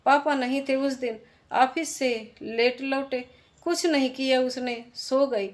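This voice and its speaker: A woman narrating an emotional moral story in a slow, heartfelt manner. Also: high voice.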